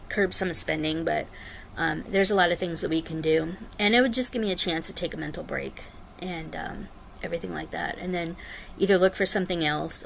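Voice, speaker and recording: Gravelly-voiced woman chatting casually on her vlog. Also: fairly low pitch, fairly bright tone, slight background noise. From United States. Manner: rambling, frequent ums, tired. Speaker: flosstube vlogger. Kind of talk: casual chat to camera.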